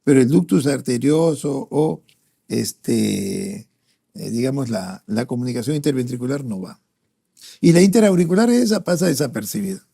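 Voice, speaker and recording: Reviewing pediatric cardiology for an exam, a Peruvian Spanish–accented doctor reasons through questions out loud, often saying "¿no?" and "este." He speaks at normal speed in an animated, medium-pitched voice that is creaky and dark with a breathy edge.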